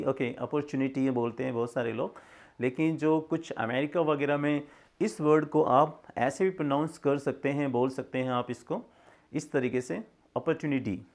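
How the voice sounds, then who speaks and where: A middle-aged man teaching English, reading sentences slowly and explaining them in Hindi. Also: on the high side. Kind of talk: casual spoken English lesson.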